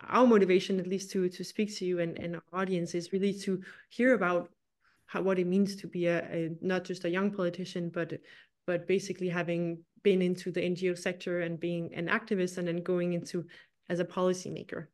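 Young woman moderator, lower voice. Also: flat delivery, a little fast, darkish tone. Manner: hesitant, many restarts. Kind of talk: event moderation. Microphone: video call.

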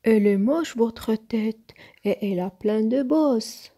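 A woman's voice: a little high, animated, takes it slowly, warm tone. A woman voicing a fussy, grumpy little boy who grumbles and insists in a storybook.

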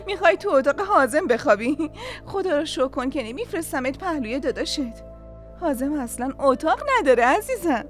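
A sharp-tongued, bossy sister-in-law in a dubbed TV drama. She talks in a high voice, mocking and sarcastic, and keeps rushing people along. Faint music plays under her. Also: lively intonation. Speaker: dub actress. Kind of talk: Persian-dubbed TV drama acting.

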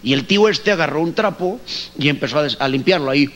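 A man's voice: a little high, animated, fast, muffled recording, heavy background noise. A middle-aged man with a Mexican accent doing a chatty, teasing stand-up comedy routine on a stage before a live audience.

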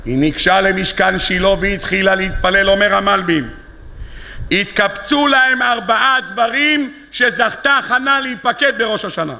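A man's voice: high voice, gravelly, bright, forceful tone. A man giving a sermon as a rabbi, telling stories with animation and acting out the dialogue. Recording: long hall reverb.

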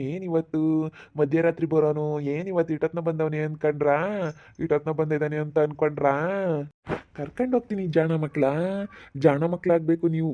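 A man's voice: a little high, highs cut off, natural voice. A man playing a singsong boastful village thief. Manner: singsong, coaxing, drawn-out. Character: boastful male night thief in fields. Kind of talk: village skit acting.

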